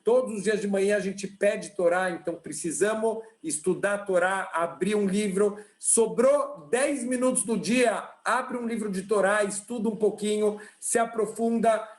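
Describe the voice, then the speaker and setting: A rabbi with a Brazilian Portuguese accent teaches an online class through animated storytelling. His voice sits high for a man. The sound is roomy and echoey, as over a video call. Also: normal speed, hardly any pauses. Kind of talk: online religious lesson with storytelling.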